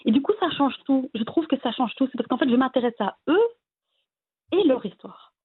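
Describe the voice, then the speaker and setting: Belgian woman chatting as a guest, husky voice, sounds like a phone line, lots of euh. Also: high voice, expressive, moderate pace, no echo. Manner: warm, hesitant, many fillers and restarts. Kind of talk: casual interview conversation.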